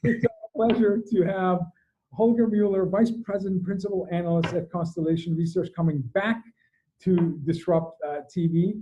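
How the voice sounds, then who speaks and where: A man's voice: sits high, steady tone, moderate pace, mellow. A man co-hosting a casual show over a video call, upbeat and laughing as he introduces guests. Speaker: show co-host. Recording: dull lo-fi call audio.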